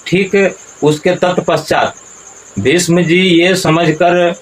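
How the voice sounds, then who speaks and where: Slow, deliberate male Sanskrit teacher. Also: sits high, steady tone, slight background noise, low-quality recording. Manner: slow, deliberate, syllable-by-syllable recitation. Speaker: Gita recitation teacher. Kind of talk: Sanskrit pronunciation lesson.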